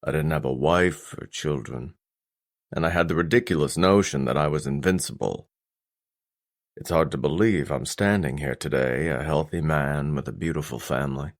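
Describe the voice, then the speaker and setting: For an audiobook, a man voices a stern, intimidating middle-aged father, grave and regretful, speaking with restrained deliberation and a gruff love underneath. His voice is deep, low and weighty.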